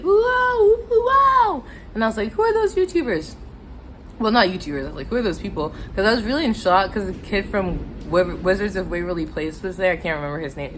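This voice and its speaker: A woman's voice: on the low side, slight background noise, rough recording. An American woman telling a casual, chatty, self-deprecating story to viewers while eating, her mouth sometimes full. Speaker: mukbang vlogger telling stories.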